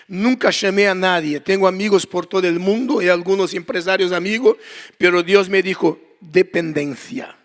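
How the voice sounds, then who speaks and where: High-voiced Brazilian man preaching in a hall. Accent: Brazilian Portuguese. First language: Portuguese. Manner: dramatic storyteller, acting out dialogue, swings from quiet prayer to loud emphasis. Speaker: guest preacher. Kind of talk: storytelling sermon. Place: church hall. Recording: long reverb of a church hall.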